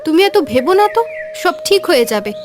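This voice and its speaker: Cartoon: actress as a soothing young bride, very high, lively voice. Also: female voice, fast talker, over music. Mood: gentle. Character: young new daughter-in-law, gentle and reassuring.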